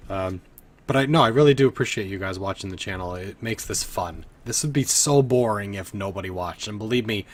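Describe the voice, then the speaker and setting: A man's voice: on the low side, a little hiss or hum. Tipsy, rambling man streaming a game. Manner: rambling, swearing, laughing often. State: tipsy from drinking. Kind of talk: live gameplay commentary. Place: home bedroom.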